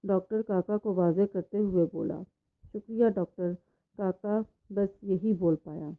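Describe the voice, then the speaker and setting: A woman reading a novel aloud in a steady storytelling voice; the sound is tinny and phone-like. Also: medium pitch. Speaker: novel reader. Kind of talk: storytelling narration.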